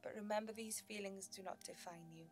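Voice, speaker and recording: A woman narrating a guided meditation in a gentle, soothing sleep-story manner, with measured pauses. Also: medium pitch, fairly even intonation, faint music behind.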